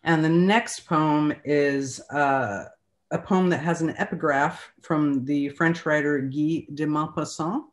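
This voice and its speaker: A woman poet reading her poems aloud at an online event, with halting, self-deprecating asides between them. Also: low voice, steady tone. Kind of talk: poetry reading with chatty asides. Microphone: online video call.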